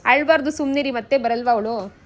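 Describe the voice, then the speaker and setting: Young woman, high voice, casual vlog chatter, teasing and coaxing. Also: brisk, faint music behind. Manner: chatty, mixes English words in. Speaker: vlogger.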